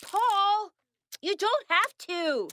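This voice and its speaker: A woman's voice: very high-pitched, animated, extremely slow, pushed and bright, slight background noise, exaggerated voice. A woman voicing a bossy, teasing schoolgirl in a 1950s radio-style drama. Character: sassy schoolgirl Helen, 1950s city kid.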